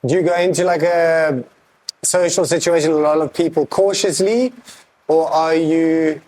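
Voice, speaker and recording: A man interviewing a guest, asking casual questions haltingly and rephrasing them as he goes. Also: fairly high pitch, fairly even intonation, darkish tone, a little hiss or hum.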